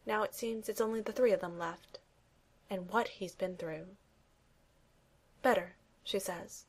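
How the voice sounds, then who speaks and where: A woman narrating a romantic story aloud, reading every character's lines in her own voice with gentle emphasis. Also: medium pitch, steady tone, normal speed, husky. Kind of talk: fan fiction reading.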